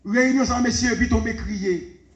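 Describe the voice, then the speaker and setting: A man preaching a sermon, swinging from low murmurs to shouts. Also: normal speed, roomy sound.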